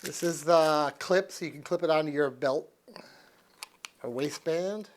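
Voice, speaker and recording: An American man in his sixties gives a casual, unscripted product review from an indoor living room with a couch, thinking aloud in a folksy, easygoing manner. He speaks with a fairly high pitch at a measured pace. There's slight background noise.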